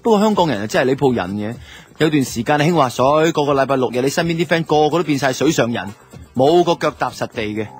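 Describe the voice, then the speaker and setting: The radio drama's lead and narrator, a Hong Kong Cantonese-accented man, plays a two-timing boyfriend full of guilt and self-justification, speaking colloquially in first person. In this wry, musing moment his medium-pitched voice is expressive and quick, lightly acted, with faint music behind.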